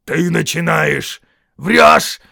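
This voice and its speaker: A man playing a surly troll barking slow and loud, gravelly storybook voice. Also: fairly high pitch, little pitch movement, no echo, studio quality, pitched above the performer's own voice, exaggerated voice. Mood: accusing. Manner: barking, shouting, slow drawl. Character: surly argumentative male troll.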